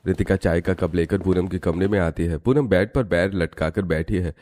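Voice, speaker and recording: A man narrating an animated cartoon story in a steady storytelling manner. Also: low voice, normal speed, slight background noise.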